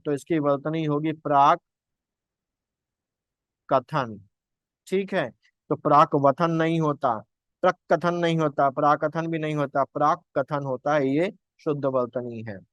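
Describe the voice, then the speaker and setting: A young male tutor explains exam answers in a fairly high voice. He quizzes his listeners and answers his own questions. The recording is dry and close, with no room sound. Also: a bit bright, no room sound. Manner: asks questions and answers them himself, repeats points. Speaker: exam-prep Hindi teacher.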